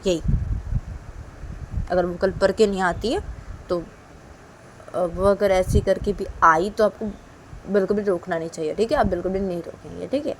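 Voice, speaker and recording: A woman voicing a hot-tempered young woman who loudly scolds her father, in a told love story. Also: lowish voice, normal speed, pauses often, a little hiss or hum, natural voice. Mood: irritated. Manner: loud, scolding, exasperated.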